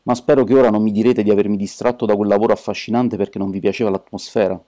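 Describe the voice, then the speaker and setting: A brash, impetuous detective friend, loud and quick to act, as a man reads him. The voice is low and dark-toned. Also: close to an everyday voice. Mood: wry. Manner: loud, impulsive, excitable. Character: impetuous burly male ex-thief detective friend.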